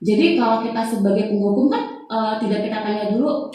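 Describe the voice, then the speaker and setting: A woman with an Indonesian accent, a teacher, presents a training module to other teachers in a casual, chatty way, full of fillers and soft laughs. Her voice is medium-pitched and quick, with a slight hiss or hum. The room is very echoey and she sounds far from the mic.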